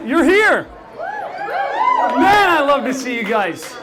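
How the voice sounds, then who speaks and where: Over music, a podcast host with a very high, sing-song voice takes his time as he talks to a live bar audience. He keeps things upbeat and chatty, often asking the crowd questions.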